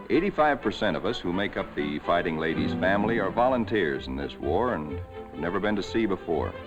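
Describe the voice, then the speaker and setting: On an old film soundtrack, a low-pitched male voice delivers scripted narration for a 1940s wartime documentary, measured and solemn. The high frequencies are cut off.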